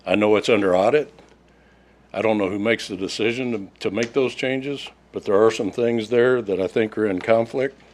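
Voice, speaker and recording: A man's voice: lowish voice, moderate pace. A man with an Oklahoma accent reading a prepared public comment to a council as a resident. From Oklahoma, United States. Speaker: resident speaking at a public hearing.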